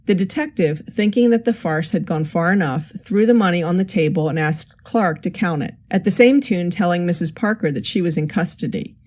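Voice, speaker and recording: A woman narrating a crime story aloud in a steady, even manner. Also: lowish voice, brisk, hardly any pauses. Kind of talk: audiobook narration.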